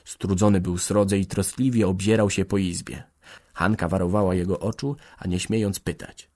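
A man narrating a classic novel as an audiobook, measured and expressive. His voice sits fairly low. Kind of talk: reading a classic novel aloud.

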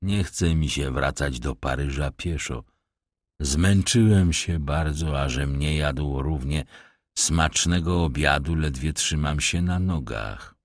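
A man voicing a sly, menacing old vagabond in an audiobook, speaking in a low, ironic, threatening drawl. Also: takes it slowly, no room sound, clean studio sound, heavily acted. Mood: insinuating. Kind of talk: audiobook character voice.

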